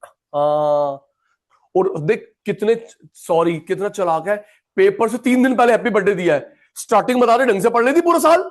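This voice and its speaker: A man's voice: high voice, expressive, moderate pace. A man teaching an economics class, chatty and repetitive, calling students by name. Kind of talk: classroom lecture.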